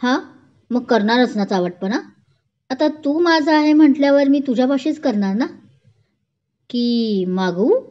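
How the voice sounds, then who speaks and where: A woman's voice: on the high side, expressive, a little slow. A woman reading a storybook romance, voicing a playful young woman who coaxes and teases her lover. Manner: coaxing, teasing, childlike. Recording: dull lo-fi recording.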